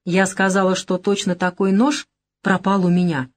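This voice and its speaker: A woman's voice: mid-range voice, little pitch movement, normal speed, lightly acted. A woman reading an audiobook, voicing a sly, teasing young woman who is a gangster's girlfriend. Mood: coaxing.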